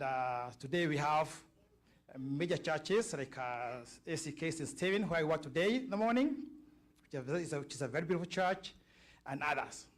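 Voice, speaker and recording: A middle-aged or older Kenyan man with a Kenyan accent and a slightly high voice addresses the public informally as a community speaker. His delivery is halting, and he checks in with his listeners.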